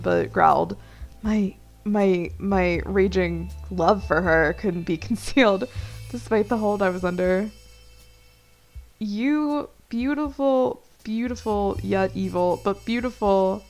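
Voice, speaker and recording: A young woman plays through a visual novel, reading the lines aloud and breaking into playful, swearing asides. Her voice has a gravelly fry at a middling pitch, with faint game music underneath. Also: takes it slowly. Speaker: let's play host.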